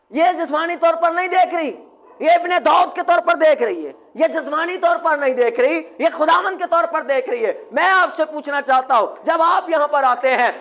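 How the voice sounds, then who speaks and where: A man preaching a sermon as pastor, quizzing his congregation and having them call the answers back, at times breaking into shouts. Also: extremely high pitch. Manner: bursts into shouting.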